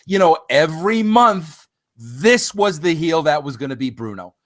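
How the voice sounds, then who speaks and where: A man's voice: fairly high pitch, animated, moderate pace, a bit bright. A man hosting a casual interview, enthusiastic and full of "you know" and "bro". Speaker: interview host.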